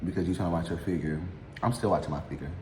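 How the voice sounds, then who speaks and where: A low-pitched, darkish male voice rattles along rapid-fire as he hosts a casual eating show. His talk is candid, loaded with slang and free swearing, part chat and part mukbang. The room echoes with long reverb, and there's faint noise.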